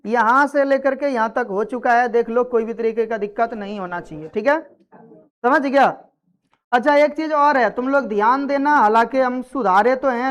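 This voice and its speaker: A woman with a fairly high voice teaches a grammar lesson in a classroom. She keeps quizzing her students to check they understand. She scolds them sharply when they act up.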